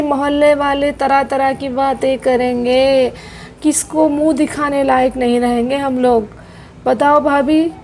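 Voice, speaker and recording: A woman's voice: vocal fry, darkish tone, a little hiss or hum. A woman voicing a bitter, dramatic middle-aged aunt who scolds and wails in a doll-play soap drama. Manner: shrill, wailing complaints.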